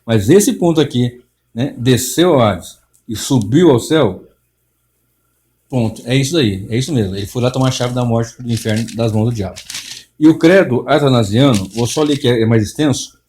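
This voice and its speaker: A middle-aged pastor speaks, leading a Bible study. He talks in an emphatic manner, circling back and restarting phrases as he presses his point. His voice sits at an ordinary male pitch. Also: moderate pace, darkish tone. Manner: emphatic, repeats and restarts, mocks others' theatrics.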